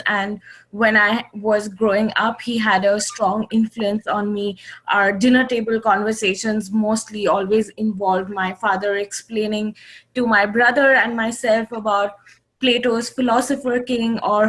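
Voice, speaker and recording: A woman from India, a guest on a podcast, answering interview questions in a measured, composed way. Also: mid-range voice, fairly bright tone, poor audio.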